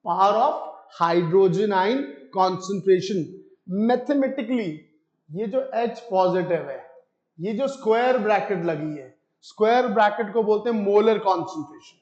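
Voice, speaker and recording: An Indian man giving a chemistry lesson, asking his students questions and answering them himself, and saying key terms slowly. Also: high voice, expressive, a little mellow. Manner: mixes Hindi with English terms. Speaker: chemistry teacher. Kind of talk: classroom lecture. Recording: echoey room, slightly dull sound.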